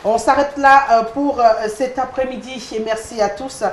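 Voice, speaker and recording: A woman's voice: high voice, fairly even intonation, normal speed. A woman hosting a TV panel discussion, reading viewer messages with many hesitations. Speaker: host. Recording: echoey studio with faint noise.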